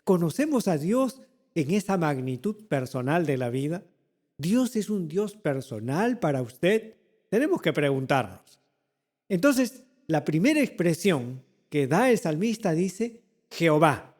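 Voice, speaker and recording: A man delivers a sermon in a church. His voice sits high and his pace is unhurried. He repeats key words for emphasis and poses rhetorical questions to his listeners. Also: sing-song, darkish tone, in a large hall. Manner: slow, deliberate preaching with repeated phrases and rhetorical questions. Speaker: pastor.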